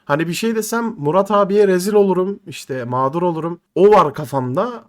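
Young man from Turkey in his twenties, high-voiced and rapid, slangy storyteller who swears and talks to the guys. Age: 20s. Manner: animated, slangy, swearing, addresses listeners as guys. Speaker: podcast storyteller. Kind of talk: casual anecdote storytelling.

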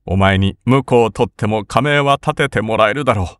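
A man's voice: on the low side, normal speed, dry recording, voice pushed up, natural voice. A man voicing a timid samurai older brother who is frightened but determined, speaking in a trembling, urgent voice. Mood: shaky resolve.

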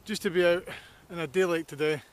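A Scottish landscape photographer vlogs while walking on a snowy hillside, talking to the camera with enthusiasm and reflection. His voice is high with fairly even intonation, and he speaks fairly quickly.

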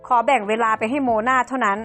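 A woman's voice: fairly high pitch, steady tone, fast, a bit bright, soft background music, lightly acted. A woman voicing a middle-aged husband who talks coldly and belittles his wife. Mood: dismissive. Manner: cold, belittling.

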